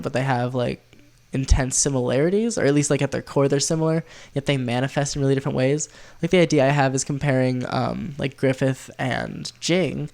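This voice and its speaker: A man with a nasal, stuffed-up voice from being sick, chatting casually through a tier list in a rambling, excitable way. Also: mid-range voice, creaky. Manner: rambling, filler-heavy, easily excited. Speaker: video host.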